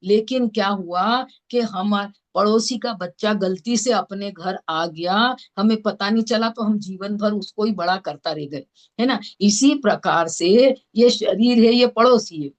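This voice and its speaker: A woman's voice: mid-range voice, unhurried. Indore hindi lady teaching a scripture class, homely examples, keeps asking if you follow. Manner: explains with homely examples, often checks understanding. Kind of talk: religious scripture lesson.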